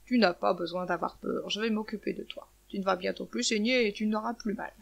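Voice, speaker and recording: A woman voicing a feared male eagle who turns gentle and reassuring, in a storybook tale. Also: medium pitch, fairly quick, creaky. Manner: calm and reassuring. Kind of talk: storybook narration.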